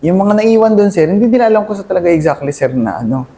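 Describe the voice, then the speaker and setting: A young man, a Filipino soldier, recounts a battle in a halting interview, calling his listener sir at nearly every pause. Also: high voice, expressive, dark tone. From Philippines. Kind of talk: conversational war story interview.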